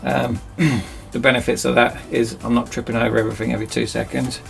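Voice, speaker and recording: A man's voice: mid-range voice, level tone, fast, gravelly, soft background music. A man chatting casually and self-mockingly as he rambles through a DIY project in his cramped home workshop. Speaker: DIY video host.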